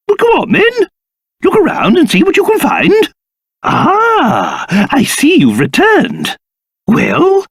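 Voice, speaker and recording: An actor playing a pompous, fussy old king turned into a small monster in a video game, with a British accent and a theatrical, excitable delivery. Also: sits high, slightly rough, no echo, studio quality, full character voice. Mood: encouraging.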